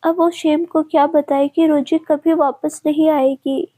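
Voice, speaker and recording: A woman storyteller narrating a family drama in a steady, measured read. Her voice is high and mellow, with a fairly level delivery.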